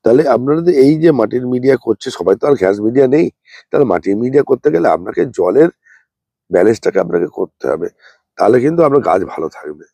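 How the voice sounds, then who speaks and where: A man, unwell, giving a slow, plain, repetitive gardening demonstration as a channel host. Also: mid-range voice, big pitch swings, vocal fry, mellow, no room sound. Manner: speaks slowly and plainly, repeating points.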